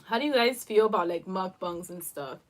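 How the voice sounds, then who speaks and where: A woman's voice: medium pitch, lively intonation, fairly quick. A young woman co-hosting a live lunch stream, chatting casually while she eats and filling her talk with "like" and "literally". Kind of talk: casual chat while eating. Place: at home over lunch.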